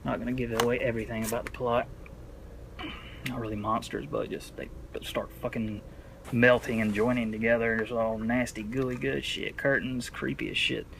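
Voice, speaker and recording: Male horror-collector vlogger, mid-range voice, loose jokey delivery full of slang and swearing, clear background noise. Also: mid-range voice, little pitch movement, normal speed. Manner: slangy, heavy cursing, jokey. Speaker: horror film collector presenting a video. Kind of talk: casual rambling movie review.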